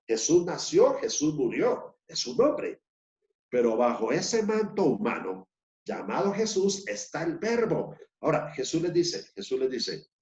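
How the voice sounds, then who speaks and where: A man's voice: mid-range voice, darkish tone. A man preaching a sermon, reading verses aloud and putting questions to the congregation. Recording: echoey, dull lo-fi room sound.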